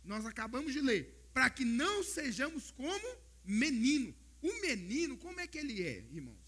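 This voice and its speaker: A Brazilian man preaching a sermon as pastor, telling stories in an animated way and often calling out to the brothers in the congregation. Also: very high-pitched, moderate pace, breathy edge. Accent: Brazilian Portuguese. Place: church service.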